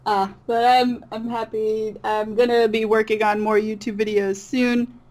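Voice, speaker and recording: As a guest in a casual interview, this woman, a voice actor known for comic dubs, talks in a giggly, hesitant way. Her voice is on the high side and darkish in tone, level in pitch, at a measured pace.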